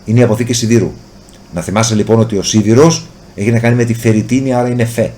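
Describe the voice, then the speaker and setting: A man with a Greek accent teaching a chemistry lesson, asking questions and then answering them himself, and drawing out key words slowly to stress them. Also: medium pitch, steady tone, dark tone. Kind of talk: explanatory lesson, addressing the student directly.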